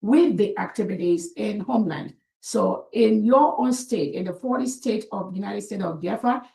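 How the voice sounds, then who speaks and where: A woman's voice: mid-range voice, moderate pace, vocal fry, warm tone, echoey room, rough recording. A woman addressing members in an online meeting, earnest and formal, thanking people by title.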